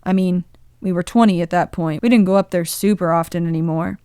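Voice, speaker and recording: A woman's voice: on the low side, fairly even intonation, warm tone, clean tone, no room sound, studio quality, natural voice. A woman reading as a bashful young man. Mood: wistful. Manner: bashful, halting confessional storytelling. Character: young man, twenties, sheepish and tender.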